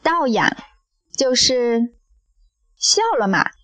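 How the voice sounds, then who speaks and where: Playful young disciple, soft muttering, slow, dry, as a woman narrator reads him. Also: a little high, animated, dry recording, faint music behind, exaggerated voice. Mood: musing.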